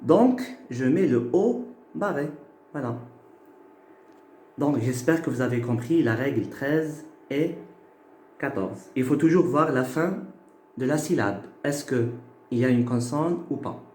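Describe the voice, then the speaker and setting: A man's voice: mid-range voice, expressive, darkish tone, a little hiss or hum. A man teaching a phonetics lesson, explaining patiently and checking that listeners follow. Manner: slow, patient, checks in with "ok?" and "d'accord?". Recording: echoey room.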